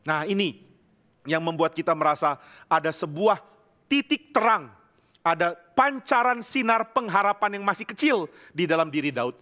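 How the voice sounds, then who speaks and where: A male pastor preaching a sermon, telling scripture stories with lively acted-out dialogue and humorous asides. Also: sits high, moderate pace. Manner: lively storytelling, acting out biblical voices, humorous asides.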